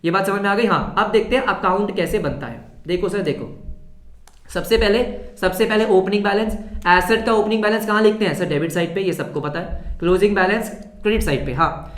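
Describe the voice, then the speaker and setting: A man's voice: sits high, fast talker, fairly bright tone. Male teacher with a sore throat, echoey room. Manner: quizzes students then answers his own questions. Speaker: accounts teacher. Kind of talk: fast exam revision lesson.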